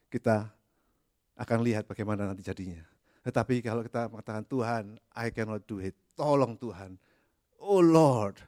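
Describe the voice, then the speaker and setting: A man's voice: medium pitch, no echo, studio quality. A man preaching as a pastor, emphatic and repeating key phrases, with hesitant fillers between them. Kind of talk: sermon.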